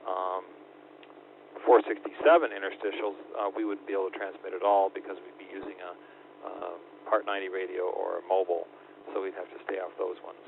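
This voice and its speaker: A man's voice: low voice, little pitch movement, fairly quick, vocal fry. A man running an on-air radio net as net control, speaking hesitantly with frequent ums, heard over a two-way radio transmission with static. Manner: hesitant, many ums and uhs. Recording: tinny radio line with faint static.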